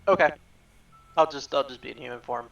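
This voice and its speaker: A man playing a tabletop game, talking in a quick, offhand way. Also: medium pitch, vocal fry, fairly bright tone, recorded from a distance, dull audio. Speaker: player. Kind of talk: casual chat at a tabletop game.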